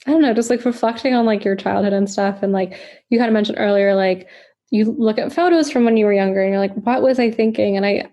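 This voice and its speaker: A woman's voice: medium pitch, warm tone, dull audio. A woman in her twenties, a podcast guest in casual chat, reflective and full of fillers. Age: 20s. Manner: reflective, filler-heavy, quick agreeing interjections.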